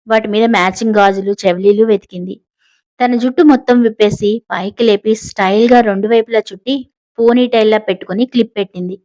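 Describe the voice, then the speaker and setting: Expressive woman narrating a story. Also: a little high, poor audio. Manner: expressive, switches voices for quoted characters. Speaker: audiobook narrator. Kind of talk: storytelling narration with character voices.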